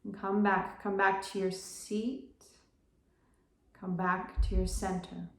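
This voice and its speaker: A woman guiding a slow breath-counting meditation, giving gentle, measured instructions in short phrases with pauses. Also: medium pitch, level tone. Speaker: meditation guide. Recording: roomy, echoing sound.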